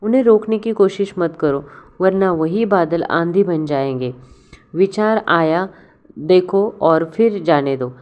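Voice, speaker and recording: A woman giving a calm spiritual self-help talk, unhurried and often restarting her words as she advises. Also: fairly low pitch, muffled recording. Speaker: motivational speaker.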